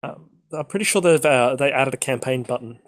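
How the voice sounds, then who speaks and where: A man's voice: medium pitch, a little fast. A man co-hosting a casual gaming podcast, rambling with lots of ums and the odd swear. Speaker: podcast co-host.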